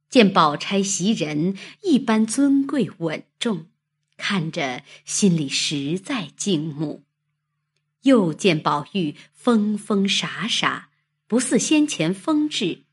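A woman narrating a classic novel in a slow, expressive reading style. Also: fairly low pitch, husky. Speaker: storyteller.

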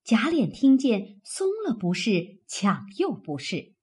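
A woman narrating a classic novel in a slow, measured storytelling manner. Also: medium pitch, big pitch swings, mellow, husky.

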